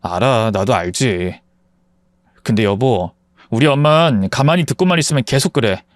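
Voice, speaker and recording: A man's voice: a little high, dry recording, clean studio sound, natural voice. A man voicing a protective young husband who speaks bluntly and firmly. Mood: soft. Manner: firm, exasperated pleading. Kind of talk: storybook voice acting.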